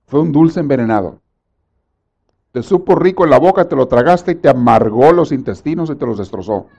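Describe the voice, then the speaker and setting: A man preaching a sermon, swinging from soft asides to loud, pleading prayers he acts out. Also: mid-range voice, expressive, a little fast, creaky, breathy edge, lo-fi sound.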